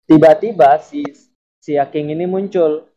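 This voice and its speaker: A man's voice: on the high side, steady tone, unhurried. A young man co-hosting a casual podcast, talking through a theory step by step with plenty of fillers and restarts. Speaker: podcast co-host. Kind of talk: casual chat. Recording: dull lo-fi podcast audio.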